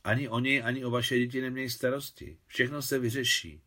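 A man voicing a cheerful, warm-hearted older mother figure who talks in a gentle, soothing, motherly way. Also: mid-range voice, fairly even intonation, voice pushed up, lightly acted.

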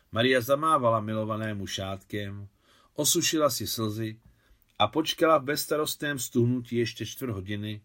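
A man reading a novel aloud as an audiobook, with calm, measured narration. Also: fairly low pitch. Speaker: audiobook reader. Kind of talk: scripted narration.

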